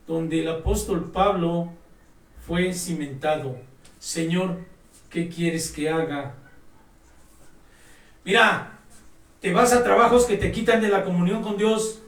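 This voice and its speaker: Man, high voice, preaching an emphatic sermon, recorded from a distance in an echoey room. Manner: emphatic, exhorting, addresses listeners directly.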